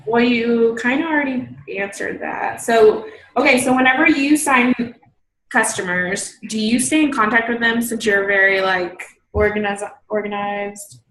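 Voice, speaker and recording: A woman's voice: fairly high pitch, measured pace, fairly bright tone, echoey room, a little hiss or hum, low-quality recording. A young woman hosting over a video call, asking her guest questions in an enthusiastic, gushing way and saying "like" often. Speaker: interview host and team leader. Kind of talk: casual video call interview.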